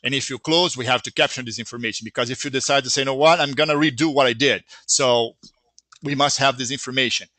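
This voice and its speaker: A software company founder, a native Portuguese speaker with a Brazilian accent, answers user questions at length in a live Q&A. His mid-range voice is bright and forceful, he talks fast, and there's no echo. Earnest in his explanations, he restarts often.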